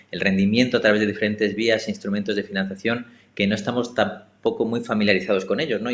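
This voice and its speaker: A man with a Spain Spanish accent speaks as a panel guest in a somewhat low voice. He explains in a measured way, tacking brief tag questions onto his points. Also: fairly bright tone. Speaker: panel guest, nonprofit sector representative.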